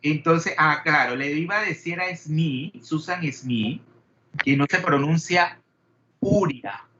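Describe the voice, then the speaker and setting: Questioning chemistry teacher. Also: male voice, fairly high pitch, unhurried, highs cut off, background noise. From Panama. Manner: questioning, digressive. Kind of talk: classroom lecture.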